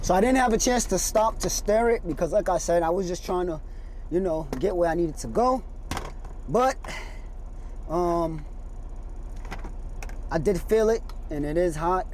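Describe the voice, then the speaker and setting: A man with a high voice and a slight slur and lisp, talking casually from his truck cab. His easygoing, slangy chatter rambles along. A faint hum of noise sits under his voice. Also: expressive, a little slow, long pauses, a little mellow, low-quality recording. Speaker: truck driver vlogger. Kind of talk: casual chat.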